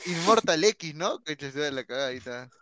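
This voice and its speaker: A man's voice: a little high, lively intonation, brisk, a bit bright, no room sound. A man co-hosting a casual sports podcast, teasing and laughing with crude interjections. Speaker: podcast co-host.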